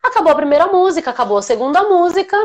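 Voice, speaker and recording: A woman with a Brazilian Portuguese accent, an aromatherapist hosting a live chat, talking in an animated, emotional way. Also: extremely high pitch, racing. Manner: animated, emotional, laughs while telling. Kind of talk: casual live chat storytelling.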